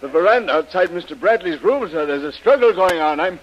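A man's voice: high voice, lively intonation, fairly quick. An actor playing a polite, flustered male butler in 1930s radio drama style, on a muffled old radio recording. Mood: alarmed.

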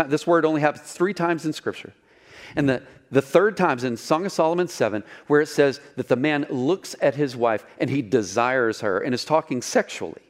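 A man preaching a sermon in a conversational way, with asides to the congregation and rhetorical questions. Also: on the high side. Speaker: pastor.

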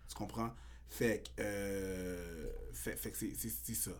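A comedian with a Québécois French accent chats as a guest on a casual podcast, animated and sprinkling English slang into his speech. His voice is lowish and slow, and it gets louder when he's worked up.

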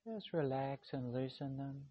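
A man speaking calm, slow, soothing instructions as he guides a meditation. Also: medium pitch, lo-fi sound.

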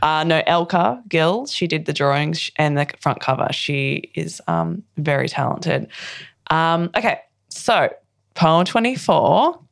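A woman's voice: deep voice, measured pace, gravelly, dry recording, clean studio sound. A woman who is a poetry guest, chatting casually and reading her own poems aloud, laughing often. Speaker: poet guest.

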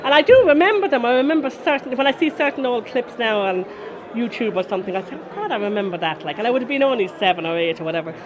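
A woman's voice: fairly high pitch, lively intonation, fast talker, background noise. Chatty woman, west of Ireland accent. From Connemara, west of Ireland. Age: 40s. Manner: chatty, rambling storytelling. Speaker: interviewee, folk musician. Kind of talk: casual chatty interview. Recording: busy crowd murmur behind. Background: crowd after a concert.

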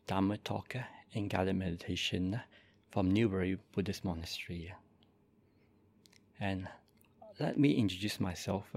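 Softly and calmly, a Malaysian Buddhist monk in his forties guides listeners into meditation after introducing it. His voice is low, his delivery slow and soft-spoken with gentle pauses.

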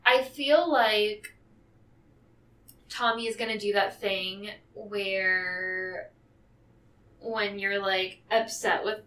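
A young woman co-hosts a casual podcast chat in a mid-range, steady voice with a sharp tone, talking very slowly and pausing often. She's chatty, laughs a lot, and says "like" constantly. The recording sounds echoey, with her far from the mic.

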